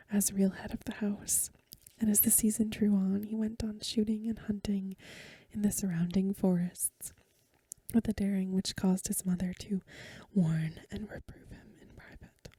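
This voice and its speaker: Reading a story as an ASMR host, a woman whispers gently in a mid-range voice that is very soft, dark and extremely breathy. She goes slowly and sounds hushed and close to the mic, in a dry space with no room sound.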